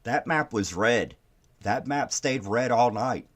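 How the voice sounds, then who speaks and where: A man's voice: mid-range voice, lively intonation, takes it slowly. A man giving profane, taunting reaction commentary on video clips, laughing at the people he mocks.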